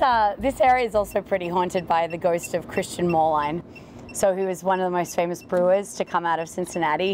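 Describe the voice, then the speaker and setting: A woman ghost tour guide explaining things casually in an interview, with an informal, wry way of talking. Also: on the low side.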